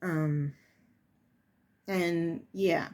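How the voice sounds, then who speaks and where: A woman who works as a preschool teacher, telling a personal story in a casual, halting way as she searches for words. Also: fairly low pitch, steady tone, darkish tone.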